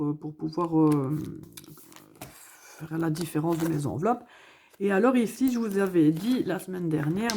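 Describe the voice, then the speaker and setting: A woman's voice: on the low side, a little mellow, a little hiss or hum. A woman in her thirties from Hainaut with a Belgian French accent, chatting casually to viewers about her budget with many hesitations and fillers. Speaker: budgeting vlogger.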